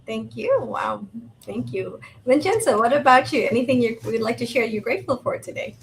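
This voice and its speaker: Upbeat higher-voiced woman co-host. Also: lively intonation, normal speed, gravelly. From Thailand. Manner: upbeat, warm, frequent "you know". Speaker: podcast co-host. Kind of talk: hosted interview conversation. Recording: remote video call, faint background noise.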